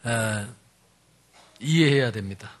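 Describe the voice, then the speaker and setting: A male pastor preaching a sermon in an animated, humorous way, swinging between loud emphasis and quiet asides. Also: medium pitch, slow pace.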